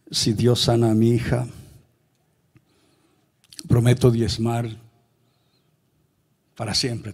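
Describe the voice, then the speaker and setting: A middle-aged pastor with a Chilean Spanish accent delivers an emotional testimony sermon. His voice is gravelly, with a husky edge. He acts out his own cries for mercy in raised, drawn-out pleading. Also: on the low side, a little mellow.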